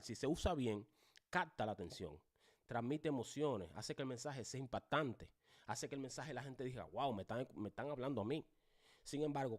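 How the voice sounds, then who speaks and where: Male pastor-teacher, lively classroom lecture, direct and demonstrative. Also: mid-range voice. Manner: animated, swings voice loud and soft for demonstration; addresses class directly, many rhetorical questions.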